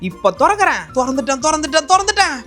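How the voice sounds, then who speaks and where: Fast, high-voiced excitable woman gamer. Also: soft background music. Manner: chatty, teasing, excitable. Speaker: gaming channel host. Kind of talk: playful game voiceover commentary.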